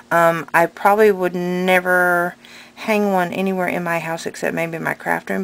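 In a rather low voice, a craft vlogger who sells patterns chats through an unscripted show-and-tell, hesitant and wandering but keen. A tongue piercing slightly gets in the way of her articulation. She's indoors at her home craft table, and the recording is plainly noisy.

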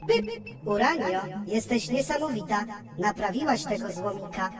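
A woman's voice: mid-range voice, animated, moderate pace, natural voice. Robi, a woman voicing a lecturing ship computer. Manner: lecturing, factual, beeps before speaking. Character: Robi, know-it-all female onboard computer. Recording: roomy, distant and echoey.

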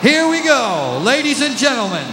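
Booming high-pitched lucha libre style ring announcer man. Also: sing-song, normal speed. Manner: showy, bilingual flourishes, stretched names. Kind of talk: drawn-out, booming fight introductions in lucha libre announcer manner. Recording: echoey arena PA with background noise.

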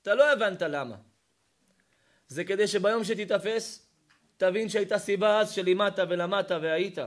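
A man, a rabbi, giving a sermon, telling stories and firing rhetorical questions at his listeners. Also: sits high. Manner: emphatic, rhetorical questions, storytelling.

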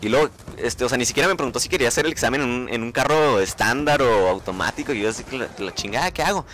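A young Mexican man tells a story to his vlog audience at a rapid clip. His pitch sits mid-range, and he acts out his own reactions with plenty of swearing. A faint hiss runs under the recording. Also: fairly bright tone. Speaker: vlogger. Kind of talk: casual storytelling monologue.

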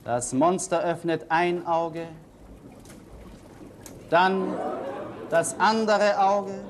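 Slow dramatic male sketch narrator. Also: sits high, steady tone. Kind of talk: comic storytelling narration. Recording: 1970s TV studio, audience, hiss. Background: studio audience.

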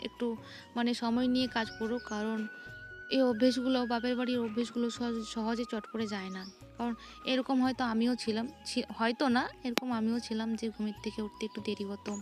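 A woman's voice: a little high, level tone, fairly quick, over music. A young woman, narrating her morning chores in a chatty home vlog. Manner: chatty, describing chores as she goes. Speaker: vlogger.

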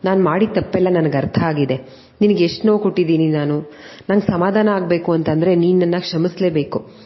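A remorseful young man begs earnestly for forgiveness, as a woman reading the story puts him on. The voice sits low and is only lightly acted. It comes through dull, lo-fi audio with a long, hanging reverb. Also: a little fast, close to an everyday voice. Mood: remorseful pleading. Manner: pleading, apologetic.

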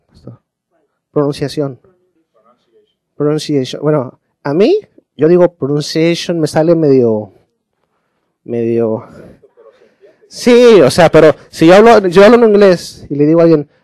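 A man's voice: on the high side, warm tone, dry recording. A man, a pastor teaching a sermon, explaining patiently and often checking in with his listeners.

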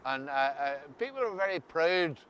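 A man's voice: a little high, sing-song, normal speed, fairly bright tone. A mature man with an Ulster Scots accent, interviewing in a casual, hesitant way and often repeating words. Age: middle-aged or older. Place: outdoors on a grassy coastal path by the sea. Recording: faint outdoor ambient noise.

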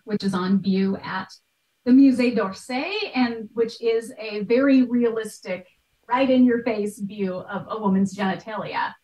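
A woman speaks with a darkish, mid-range voice as a guest expert, an art history podcaster, on a video call. She explains articulately and conversationally from a small, bright room at home, and the distant microphone leaves the audio roomy.

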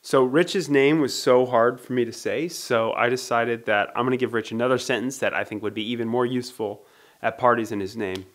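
A man hosting a vlog in a casual, playful way, slowly sounding out odd names. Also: medium pitch, fairly even intonation. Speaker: vlog host. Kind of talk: casual chat.

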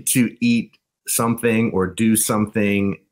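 A band frontman appears as a guest on a casual podcast, telling stories loosely and rambling with lots of fillers and restarts. His voice is lowish and steady, and he takes it slowly.

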